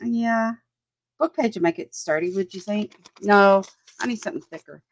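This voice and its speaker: A woman's voice: mid-range voice, normal speed, rough recording. A woman, chatting casually as she works on a craft project, thinking aloud, often laughing, and answering viewers' comments. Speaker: crafting livestream host.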